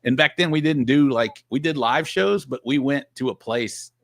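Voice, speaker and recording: A man from Texas, a guest podcast host, chats casually on a livestream from his home office, rambling with lots of restarts and easy laughter. His voice is mid-range and his speed normal.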